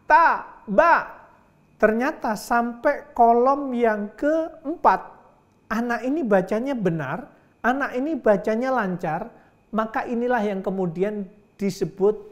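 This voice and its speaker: A middle-aged man giving a lecture on teaching Quran reading, patiently drilling syllables aloud and praising as he demonstrates. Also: sits high.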